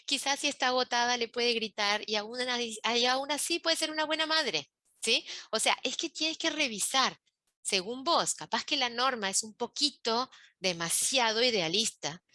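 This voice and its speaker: A woman's voice: medium pitch, bright, forceful tone, dry recording. A woman coach, giving a webinar talk and explaining step by step, often checking in with "¿sí?". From Uruguay. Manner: explanatory, asks rhetorical checks.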